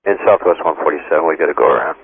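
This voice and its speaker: A man with a low pilot's voice comes through a tinny cockpit headset radio. He rattles off terse, procedural aviation calls at a quick pace. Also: expressive, creaky. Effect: aircraft radio transmission. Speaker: airline pilot. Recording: tinny narrowband cockpit radio, faint static.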